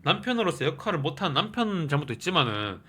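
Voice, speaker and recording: A man hosting a movie review channel, recapping a plot in a casual, animated way and often tossing in a questioning "eh?". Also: fairly high pitch, fast, husky. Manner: animated, keeps adding a questioning "eh?".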